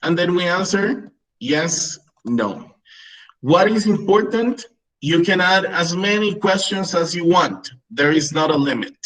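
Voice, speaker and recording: Over a video call, a man from Peru in his thirties runs a webinar for English teachers, explaining things and frequently asking "right?" Spanish is his first language. His high-pitched, fairly bright voice is animated but unhurried, and the audio quality is poor.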